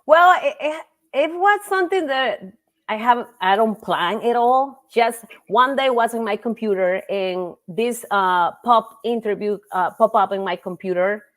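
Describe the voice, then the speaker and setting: Her voice is a little high: a middle-aged native Spanish speaker from Costa Rica, with the local accent, chatting in a casual interview about her teaching. Warm in manner, she frequently pauses to hunt for words and leans on fillers.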